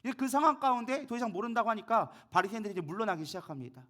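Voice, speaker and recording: Male pastor, sermon, high voice, lively storyteller, fillers and restarts. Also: very fast. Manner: vivid storytelling, acting out the quoted lines; frequent fillers and self-corrections.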